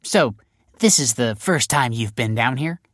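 A man's voice: mid-range voice, animated, measured pace, a bit bright, dry recording, studio quality, voice pushed up. A male audiobook narrator voicing a breezy, mocking female police detective who needles people with sarcastic politeness. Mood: playful. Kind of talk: audiobook character voice.

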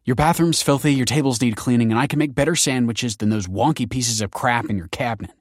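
A man's voice: mid-range voice, fast talker, no room sound, studio quality, voice pushed up, close to an everyday voice. A man voicing a defiant, snappy young woman. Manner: snappy, yelling. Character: young woman, sharp-tongued defiant runaway.

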